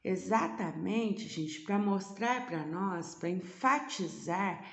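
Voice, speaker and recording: A woman's voice: mid-range voice, lively intonation, slow pace, creaky, reverberant. A woman teacher explaining a lesson remotely, asking her students rhetorical questions as she goes.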